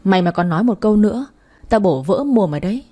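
A woman's voice: mid-range voice, animated, quick pace, mellow, lightly acted. A woman voicing a rude, arrogant young male taxi driver who hurls insults and threats in a read-aloud story. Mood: insulting.

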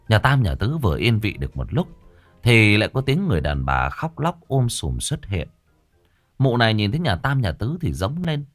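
A man narrating a comic ghost story in an animated, colloquial, earthy way. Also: on the low side.

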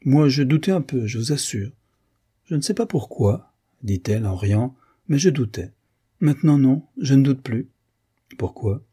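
A man's voice: mid-range voice, expressive, normal speed, warm tone, husky, pitched above the performer's own voice. A man reading the lines of an anxious, spirited young woman in a novel. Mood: eager.

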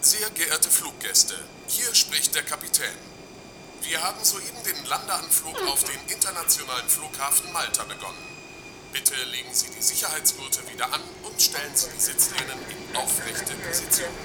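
A man's voice: a little high, expressive, moderate pace, loud music behind the voice, natural voice. A man playing an airline captain, making a formal, routine flight announcement in an audio drama.

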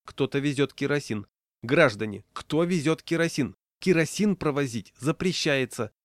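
A man's voice: fairly high pitch, expressive, moderate pace, no room sound, studio quality, pitched above the performer's own voice, close to an everyday voice. A man playing a stern woman conductor. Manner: loud, repetitive announcing. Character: stern female trolleybus conductor.

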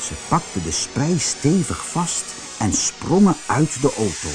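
A man narrating a children's storybook in an expressive, animated way. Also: mid-range voice, unhurried, music in the background.

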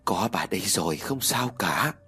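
A grieving old grandmother, hoarse from endless weeping, her husky voice rising and falling widely, as a male storyteller puts her on. She speaks in a ghost story, worn down by loss. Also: deep voice, animated, normal speed, sharp tone, pitched below the performer's own voice, full character voice. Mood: soft soothing.

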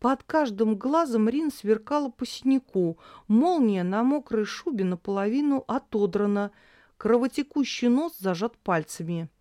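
A woman narrating an audiobook in a calm storytelling manner. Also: fairly high pitch, moderate pace, no echo, clean studio sound. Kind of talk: audiobook reading.

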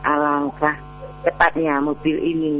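A woman calls in to a radio lesson and recites her answers slowly, stopping and restarting. Her voice is bright and held to a flat tone. The line is dull and carries a faint hum. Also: sits low. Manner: reads answers slowly, halting. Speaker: caller, student.

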